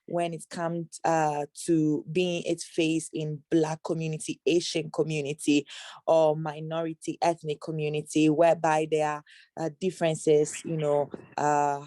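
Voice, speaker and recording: A woman from Ghana who works in anti-trafficking outreach, answering interview questions in a measured, hesitant way with many fillers, on a video call. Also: deep voice, darkish tone, no echo.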